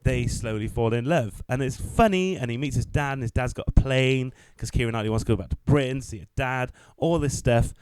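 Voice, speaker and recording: A young man co-hosting a casual podcast, retelling things with loads of energy and plenty of swearing. He slips into little acted-out quotes as he goes. His voice sits at an ordinary middle pitch. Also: a little fast, few pauses, clear, resonant tone, no room sound. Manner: animated storyteller, swears freely, acts out quotes. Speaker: podcast co-host. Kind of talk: casual chat.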